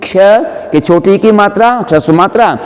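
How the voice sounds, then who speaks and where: High-voiced man teaching chant pronunciation. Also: long reverb tail. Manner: explains syllables briskly, then chants each word slowly and drawn out. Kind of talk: pronunciation lesson for a Sanskrit prayer.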